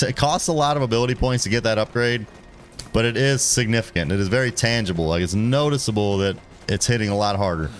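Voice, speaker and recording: Slangy, lower-voiced male game streamer. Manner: slangy, repeats phrases. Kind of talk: casual live gameplay commentary.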